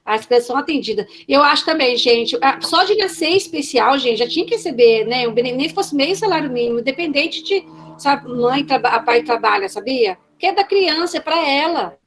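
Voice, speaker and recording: A woman teacher leading a casual online class, enthusiastic and slowly sounding out syllables over a video call. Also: high voice, lively intonation.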